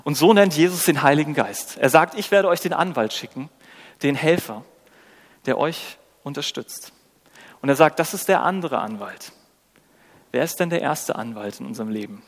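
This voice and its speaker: Male preacher, conversational sermon, fairly high voice, long hall reverb. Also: expressive, normal speed. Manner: engaging, asks rhetorical questions, acts out quotes.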